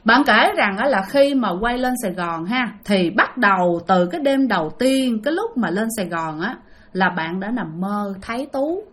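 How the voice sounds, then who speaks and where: A woman's voice: medium pitch, expressive, moderate pace, fairly bright tone. A woman with a Southern Vietnamese accent telling a ghost story, emotional and speaking directly to her listeners. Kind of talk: spoken ghost-story narration.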